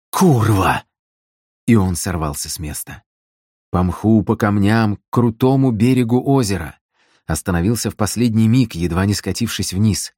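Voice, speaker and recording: Low-voiced male audiobook narrator. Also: dark tone, dry recording, studio quality. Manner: measured, dramatic storytelling. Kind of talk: scripted narration.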